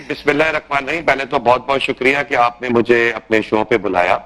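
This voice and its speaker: A man's voice: medium pitch, a bit bright, poor audio. A man, a party representative joining by remote call, speaking emphatically and insistently with lots of repetition.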